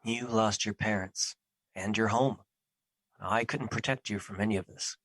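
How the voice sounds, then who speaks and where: Man playing solemn, formal Fear, low and forceful. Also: steady tone, normal speed, no echo, poor audio. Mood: protective, regretful. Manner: formal, stilted, earnest phrasing without contractions. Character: Fear personified, solemn male immortal entity, remorseful and protective. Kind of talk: audio drama acting.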